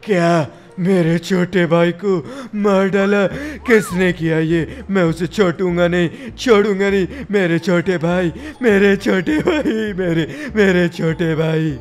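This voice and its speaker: A man's voice: a little high, steady tone, creaky, a little mellow. A man voicing a wailing grief-struck big brother. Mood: grieving. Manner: wailing, slow, drawn out. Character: grieving older brother of a murdered TV-headed man.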